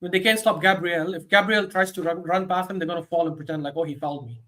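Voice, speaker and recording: A man hosting a football watchalong, giving live commentary that swings between low muttering and sudden excited shouts. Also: quick pace. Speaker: host of a football watchalong stream. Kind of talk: live match commentary and reaction.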